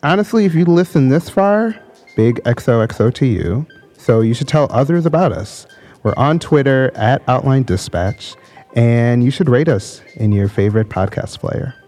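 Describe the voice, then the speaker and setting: A man's voice: mid-range voice, expressive, moderate pace, dark tone, faint music behind. A man hosting a podcast, asking casual questions with lots of fillers. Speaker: podcast host. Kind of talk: interview questions.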